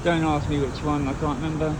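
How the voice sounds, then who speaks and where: A man's voice: on the high side, little pitch movement, fast talker. A man chatting casually to viewers as he narrates a walk outdoors, talking over the wind. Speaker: walking vlogger. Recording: loud wind noise on outdoor recording. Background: strong buffeting wind.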